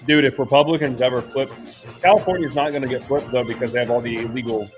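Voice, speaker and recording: A man with a mid-pitched voice talks casually to his live stream. His delivery is unscripted and blunt, full of informal bro slang. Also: fast talker, soft background music.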